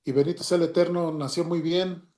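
A man with a Mexican Spanish accent tells a personal story in a halting way, with many restarts and retold dialogue. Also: fairly high pitch, fairly even intonation, a little mellow. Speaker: storyteller giving a personal testimony. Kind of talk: emotional personal story, casual. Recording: roomy echo.

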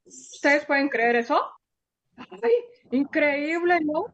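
A woman teacher telling a story to children, animated and exclamatory, asking them questions as she goes. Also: sits high, slow pace.

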